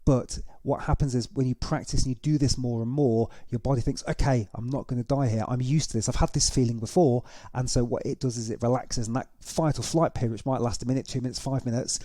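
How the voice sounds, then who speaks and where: A man's voice: medium pitch, fairly even intonation, fast talker, hardly any pauses, warm tone, no echo. A man hosting a reaction video, giving casual, conversational commentary and explaining things as he goes. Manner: explanatory, conversational, with tag questions.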